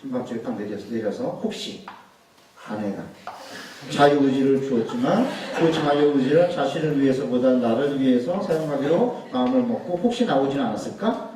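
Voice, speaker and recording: A man's voice: medium pitch, animated, moderate pace, warm tone, slight background noise. A man in his fifties preaching a humorous sermon, chatty, joking and full of rhetorical questions. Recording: echoey hall, mic at a distance.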